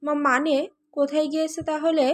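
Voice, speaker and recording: A woman's voice: high-pitched, flat delivery, moderate pace, lightly acted. A woman voicing a stern, scolding older brother. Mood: urgent. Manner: sharp, scolding. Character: stern commanding young man, older brother.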